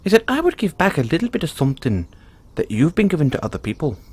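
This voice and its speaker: Speaking quickly in a sing-song, fairly high voice that's darkish and slightly rough, a man performs an audio roleplay as a playful, kindhearted leprechaun. He addresses one listener softly, sounding folksy, reassuring, cheerful and generous.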